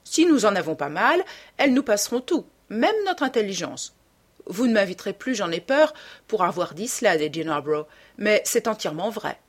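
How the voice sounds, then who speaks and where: A woman's voice: medium pitch, big pitch swings, normal speed. A woman reading a dry, ironic aristocratic wit. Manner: dry, epigrammatic delivery. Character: witty cynical aristocratic gentleman, languid and ironic. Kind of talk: audiobook character reading.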